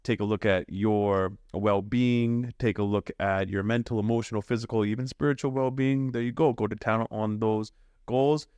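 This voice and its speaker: A man's voice: lowish voice, steady tone, moderate pace, a little mellow, clean tone, no echo. A man co-hosting a podcast, summing up the episode in an upbeat, motivational way. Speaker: podcast co-host. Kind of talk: podcast recap.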